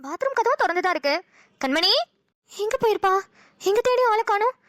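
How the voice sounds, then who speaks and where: A woman's voice: very high voice, expressive, fairly quick, a bit bright, no room sound, clean studio sound. A woman voicing an anxious, bossy elder sister in a cartoon, frantic and scolding. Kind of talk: cartoon voice acting.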